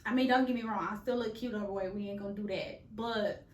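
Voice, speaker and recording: A woman's voice: mid-range voice, steady tone, quick pace. A woman, chatting candidly and playfully in a casual vlog with slangy asides. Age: late 20s. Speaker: vlogger. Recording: echoey room.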